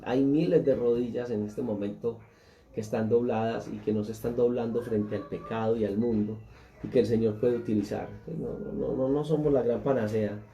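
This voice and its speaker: A man's voice: medium pitch, dark tone. A man, a pastor, teaching a Bible class and speaking earnestly, putting questions straight to his listeners.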